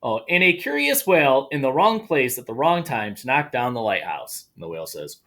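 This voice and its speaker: This man teaches elementary school and reads a picture book aloud to kids in a mid-range voice, speaking fairly quickly. His reading is lively and playful, dotted with offhand comments.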